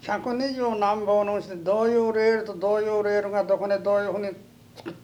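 A man's voice: high voice, fairly even intonation, fast talker, darkish tone. An elderly man from Japan with a western Japanese accent, telling his life story as an interviewee in a folksy way, often repeating himself. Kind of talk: oral history reminiscence.

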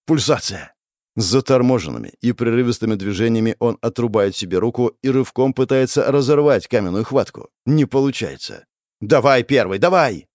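Dramatic man narrating with lively swings. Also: on the low side, no room sound, studio quality. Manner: intense, bursts into shouted exclamations. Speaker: audiobook narrator. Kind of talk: dramatic first-person audiobook narration.

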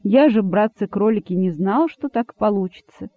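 A man's voice: sits high, expressive, normal speed, no echo. A man voicing a frightened male rabbit herald who pleads and repents, on a dry, phone-like recording. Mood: pleading. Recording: dry, phone-like narrow sound.

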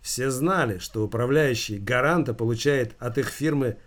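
Guy narrating an audiobook, mid pitch, steady storytelling. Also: moderate pace. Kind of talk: scripted narration.

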